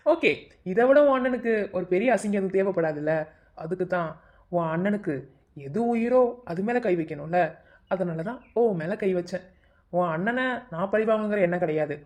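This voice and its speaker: A woman's voice: lowish voice, expressive, a little mellow, close to an everyday voice. A woman voicing a scheming, cruel young man in a cartoon love story, talking in a sneering, taunting way. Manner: sneering, taunting, fast talk. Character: scheming young male villain, cruel and mocking.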